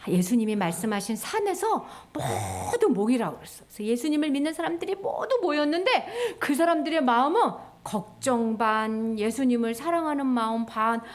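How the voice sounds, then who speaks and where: A woman's voice: a little high, big pitch swings, moderate pace, few pauses. A woman teaching children in church, telling a Bible story with playful questions.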